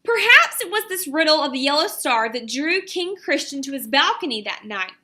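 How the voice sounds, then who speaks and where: An elementary teacher with a high voice reads a picture book aloud and gives her pupils instructions, speaking expressively and deliberately.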